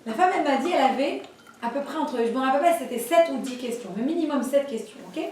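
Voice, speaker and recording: A woman teaching a religious class, telling stories in a lively way and acting out the voices of the people in them. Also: high-pitched, quick pace, a little hiss or hum. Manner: lively storytelling, acts out voices. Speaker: Torah teacher. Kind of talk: storytelling class. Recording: echoey room, voice from far off.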